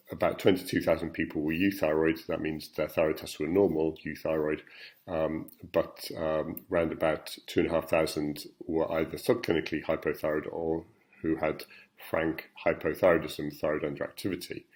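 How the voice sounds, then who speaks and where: An endocrinology professor with a darkish bass voice gives a recorded talk to patients on study results. He walks through the slides in plain terms, with plenty of ums and uhs.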